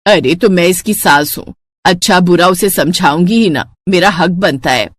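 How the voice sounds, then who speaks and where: एक महिला, कहानी में शिकायत करती, डाँटती बुज़ुर्ग सास की आवाज़ करती हुई।. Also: female voice, fairly low pitch, normal speed, dry recording, natural voice. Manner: complaining, dramatic. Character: scolding elderly mother-in-law.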